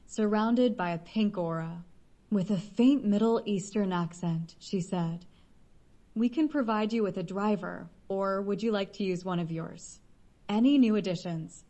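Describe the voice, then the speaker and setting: Steady woman audiobook narrator. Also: medium pitch.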